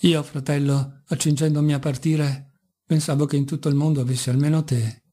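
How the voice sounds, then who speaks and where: A brooding young intellectual, as a male audiobook narrator reads him, talks with cold, mocking irony that turns passionate. The voice is a touch high and mellow. It is a plain storybook reading. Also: normal speed. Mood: ironic. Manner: ironic, bitter, sometimes passionate.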